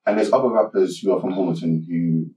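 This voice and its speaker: Brief: low-voiced male interviewer, heard from off-mic in a roomy space. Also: warm tone, distant mic. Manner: measured, recaps before asking. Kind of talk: interview questions.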